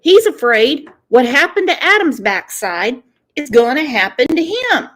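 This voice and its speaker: A woman delivers casual true-crime commentary in a slightly high voice. She takes her time, stretching words out for mocking, disdainful emphasis. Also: very animated, unhurried, fairly bright tone. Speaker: host reacting to recorded calls.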